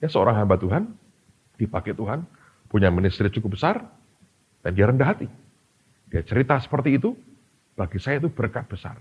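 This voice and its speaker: A man's voice: on the low side, husky. A man, preaching a sermon as a pastor and telling stories with acted-out voices. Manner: animated storytelling, acting out voices in quotes. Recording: dull lo-fi sermon recording.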